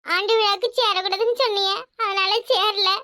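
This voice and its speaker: A woman's voice: very high voice, steady tone, normal speed, sharp tone. A woman voicing a tearful, pleading schoolgirl. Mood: complaining. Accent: Kanyakumari Tamil. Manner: whiny, begging, tearful. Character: pleading young schoolgirl, about thirteen, tearful. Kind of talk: cartoon voice acting.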